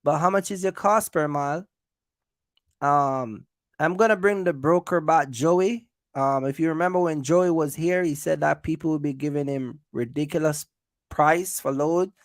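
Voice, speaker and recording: A man hosts a casual trucking business livestream, giving viewers business advice directly in an emphatic, repetitive way. His voice is fairly high, and the studio-quality recording has no echo.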